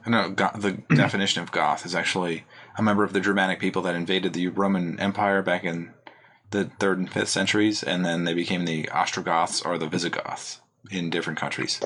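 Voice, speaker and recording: A man's voice: low-pitched, fairly even intonation, fairly quick, a bit bright, a little hiss or hum. A man co-hosting a podcast in casual chat, musing hesitantly and filling his talk with "like". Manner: musing, hesitant, many "like" fillers. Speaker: podcast co-host.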